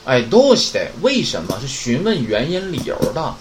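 A man's voice: brisk, a little hiss or hum. A man teaching Japanese vocabulary in a chatty way, often asking a question and answering it himself. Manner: chatty, asks rhetorical questions and answers them; lively, swinging pitch. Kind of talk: casual vocabulary lesson.

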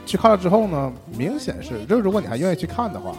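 A man co-hosting a casual podcast, chatting and reviewing films in a talkative, rapid manner. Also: high-pitched, very animated, over music. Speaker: podcast co-host.

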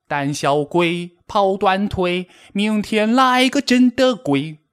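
A man's voice: on the high side, big pitch swings, a little slow, pitched above the performer's own voice. A man voicing a cheeky young male frog in a storybook, teasing in a mocking, sing-song way.

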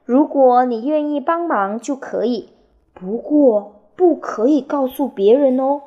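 A woman voicing a gentle, chuckling old lizard granny while reading a storybook aloud. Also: high voice, a little slow, muffled recording.

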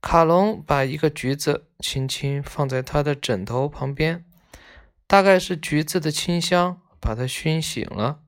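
A man reading a children's story aloud in a gentle, unhurried way. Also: on the high side.

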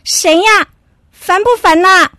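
A woman's voice: high voice, expressive, takes it slowly, no echo, studio quality, pitched above the performer's own voice. A woman voicing a cheeky, impatient young male puppy in a children's story, in a snappy, whiny manner.

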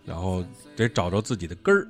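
A man's voice: low-pitched, sing-song, fast talker, faint music behind. A man with a Beijing accent hosting a casual, joking conversation. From Beijing, China. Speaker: talk show host.

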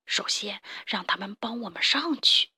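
A woman's voice: medium pitch, animated, moderate pace, bright, forceful tone, slightly rough, full character voice. A woman storyteller voicing a scheming male rat gang boss who sneers and barks insults. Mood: scolding.

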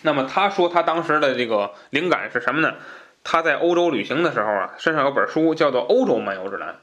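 A podcast host explains a book in a loose, conversational style, dropping in asides and repeating phrases for emphasis. His voice is a bit high and slightly bright, with lively intonation, and he talks fast.

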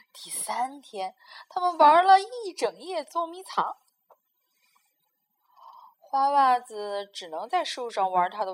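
A woman reading a children's story aloud in a gentle, expressive way. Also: mid-range voice.

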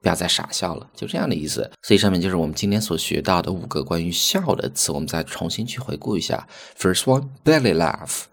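低沉嗓音的男老师. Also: male voice, low voice, lively intonation, fast talker, gravelly, hardly any pauses. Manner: explains patiently, repeats key words. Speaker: English teacher and podcast host. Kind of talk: audio English lesson.

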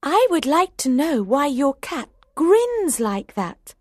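A polite, curious young girl from a storybook who speaks in a gentle, wondering way, as a man puts her on. The voice sits far above the reader's own and moves at an unhurried pace. The sound is dry and close. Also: very high-pitched, very animated, dry recording, voice pushed up, full character voice.

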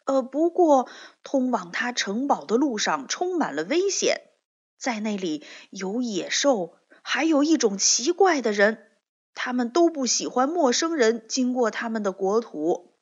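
Helpful storybook guard, loud and eager, slow and breathy, read by a woman. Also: on the high side, very animated, pitched above the performer's own voice, heavily acted. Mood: urgent. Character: helpful male palace guard soldier. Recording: dull lo-fi recording.

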